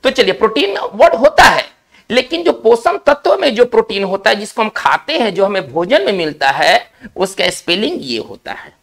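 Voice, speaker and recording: In a recorded lesson, a man teaches English spelling and word meanings, walking through each step slowly in Hindi. His voice is high-pitched, sing-song, and a little bright, and he often checks that students are following with "isn't it?".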